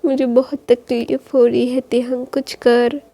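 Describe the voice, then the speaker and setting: A woman's voice: a little high, level tone, unhurried, warm tone. A woman voicing a distressed father who scolds and then pleads that everyone is ignoring him. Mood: pleading. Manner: pleading, self-pitying.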